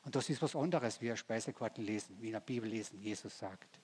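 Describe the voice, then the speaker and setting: A man's voice: on the low side, fast, darkish tone, breathy edge. A man preaching a sermon in a folksy way, often asking the congregation rhetorical questions. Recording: long church reverb.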